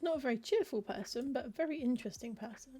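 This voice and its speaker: Her high voice is warm and husky, and she talks fast with lively intonation. She's a streamer casually commenting on a cozy game, reading out the game's lists of book titles under her breath and adding wry remarks.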